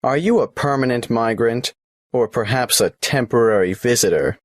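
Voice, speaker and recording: A man's voice: medium pitch, moderate pace, no echo, studio quality, natural voice. An actor playing a polite, businesslike male tax office clerk who asks questions in a scripted exam dialogue.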